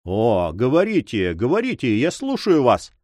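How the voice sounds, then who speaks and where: Man doing hot-headed young lover, fervent, pleading, expressive, dry close sound. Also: mid-range voice, moderate pace, no echo. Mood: ardent. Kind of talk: audiobook reading.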